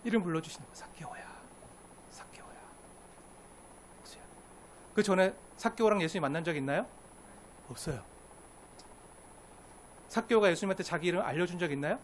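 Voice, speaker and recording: A man's voice: high voice, lively intonation, fast talker, pauses often. A male pastor preaching a sermon, asking the congregation questions and acting out quotes, with faint room noise behind.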